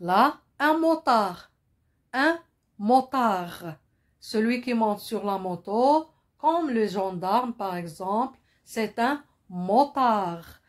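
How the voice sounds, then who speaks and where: A woman French teacher, drilling vocabulary slowly and asking pupils to repeat, sometimes explaining in Arabic. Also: on the high side, expressive. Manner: switches into Moroccan Arabic to explain. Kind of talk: slow classroom-style lesson.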